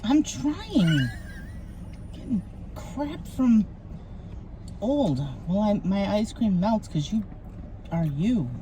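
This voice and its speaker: A woman's voice: mid-range voice, very animated, slow, pauses often, mellow, slight background noise. A woman guest tasting and chatting in a dry, teasing way. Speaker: guest taster. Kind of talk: casual chat.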